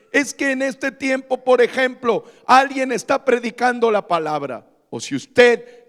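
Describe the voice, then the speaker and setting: A pastor with a high voice preaches an impassioned Bible-study sermon, his words leaving a long reverb tail in the large church hall. Before the congregation he is emphatic and exhorting, repeatedly asking them questions.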